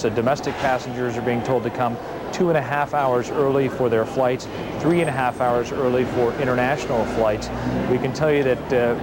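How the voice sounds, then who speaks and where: A man giving a live television news report from an airport terminal, measured and steady with frequent "uh" fillers, heard on a worn tape copy of the broadcast. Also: medium pitch, background noise. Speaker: field reporter.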